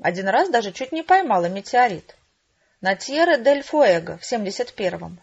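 A woman voicing a cheerful older widow who patiently teaches a newcomer, in a husky voice on a dull lo-fi recording. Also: on the high side, big pitch swings, moderate pace, exaggerated voice. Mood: chatty. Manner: chatty, instructive.

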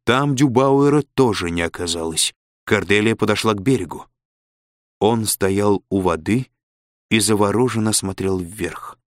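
Low voiced guy reading an audiobook, dry close mic, steady and expressive. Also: measured pace, no room sound. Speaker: narrator. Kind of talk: scripted audiobook narration.

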